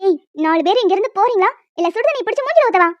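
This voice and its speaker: A woman voicing a hot-tempered cartoon housewife who scolds in harsh, shouting tirades. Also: very high-pitched, racing, no room sound, lo-fi sound. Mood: angry. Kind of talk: animated cartoon voice acting.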